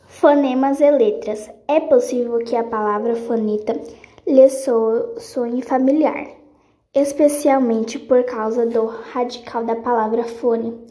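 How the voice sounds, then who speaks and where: A woman reading a grammar lesson aloud in a slow, halting way, restarting on some words. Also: fairly high pitch, fairly even intonation, mellow, slightly rough.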